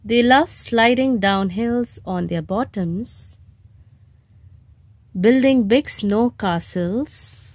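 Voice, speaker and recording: At home in a bedroom, a woman who hosts children's story time reads a picture book aloud to young children, asking them questions along the way. Her voice is a little high, she draws out her words, and there's no room sound.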